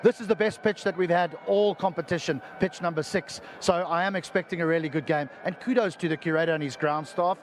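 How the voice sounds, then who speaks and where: Male cricket pundit, slightly high voice, conversational analysis, faint background noise. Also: a little fast, hardly any pauses.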